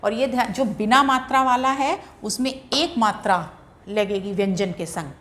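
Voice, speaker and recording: A woman teaching grammar in a patient, deliberate way, sounding out syllables one by one. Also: on the high side, fairly bright tone. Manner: patient, repeats syllables slowly and drawn out for pronunciation. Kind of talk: slow, deliberate classroom explanation.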